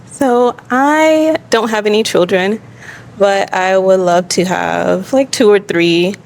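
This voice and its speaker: A woman in her twenties, a dating show contestant, answering in an unhurried, cheerful way. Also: medium pitch, darkish tone, rough recording. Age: 20s. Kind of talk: casual chat. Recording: faint background noise.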